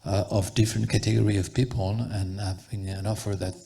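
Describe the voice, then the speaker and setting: A man speaking as a panelist at a public event, giving a thoughtful answer and often pausing to search for words. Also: lowish voice, flat delivery, vocal fry, mellow, husky.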